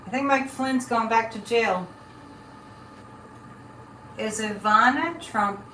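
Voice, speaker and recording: A woman's voice: a little high, sharp tone. A woman hosting a casual live psychic chat, rambling and breaking off mid-thought as she talks to viewers. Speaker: live show host and psychic. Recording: echoey room, distant mic, faint noise.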